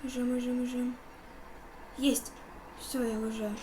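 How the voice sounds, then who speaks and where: Высокий женский голос, игровой комментарий. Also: female voice, on the high side, level tone, measured pace. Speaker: gaming video host. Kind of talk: casual horror game commentary. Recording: clearly noisy recording with game ambience.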